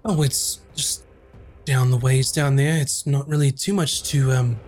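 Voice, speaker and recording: A man narrating as game master of a tabletop game, quick and full of fillers. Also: mid-range voice, fairly even intonation, darkish tone, soft background music.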